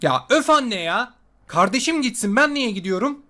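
A man's voice: very high voice, lively intonation, normal speed. Whiny Turkish cartoon son , acted by a man. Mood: complaining. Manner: whining, complaining. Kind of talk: comedy animation sketch.

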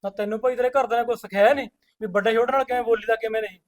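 Brief: man as an impatient farmer husband, high quick voice. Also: steady tone, soft background music. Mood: exasperated. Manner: exasperated, lectures and pushes the women to hurry. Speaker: elder brother and farmer of the house. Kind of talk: comedy skit acting.

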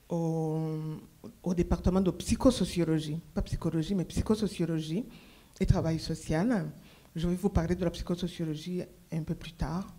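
A woman's voice: on the low side, dark tone. Reflective Rwandan-born woman on a panel. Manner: measured, reflective storytelling. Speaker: professor and panel speaker. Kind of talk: panel conversation. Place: conference stage. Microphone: handheld mic.

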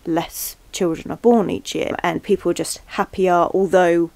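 A young book vlogger talks casually to camera in her small bedroom lined with bookshelves, chatty and upbeat with rambling asides. She sounds stuffy from a cold, her lowish voice creaky and darkish, with fairly even intonation at normal speed.

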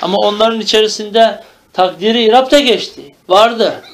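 A man teaches a grammar lesson in a high, light voice. He asks his own questions and answers them, going over each term again and again. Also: normal speed, a bit bright, a little hiss or hum. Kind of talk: lecture.

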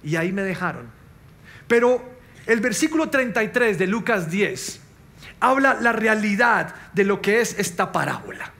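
Man, pastor, sermon, high voice, impassioned with soft asides. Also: sing-song, moderate pace.

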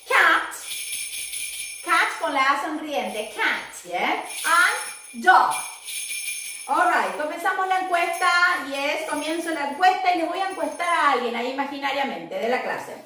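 Woman, English teacher for kids, lively swooping voice, echoey room, distant mic. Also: high-pitched, slight background noise. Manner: upbeat, repeats and models English words slowly. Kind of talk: online class for children.

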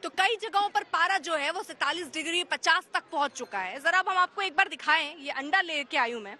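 A woman's voice: very high-pitched, expressive, fairly quick, pushed and bright. A woman field reporter interviewing people on a city street for TV news, asking playful, teasing questions. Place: outdoors on a busy city street. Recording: noisy street crowd behind. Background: street crowd.

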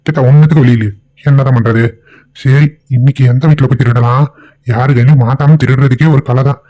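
A man voicing a greedy middle-aged village thief, gruff and boastful. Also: mid-range voice, steady tone, quick pace, mellow, lightly acted. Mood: scheming. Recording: dull lo-fi audio.

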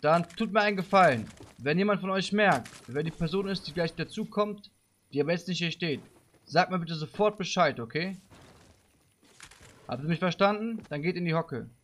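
A man live-streaming a game, chatting with viewers in street slang and giving them playful orders, breaking into loud shouts. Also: on the high side, lively intonation, moderate pace. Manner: bossy playful commands to viewers; street slang, calls people bro. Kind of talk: live-stream gameplay chat.

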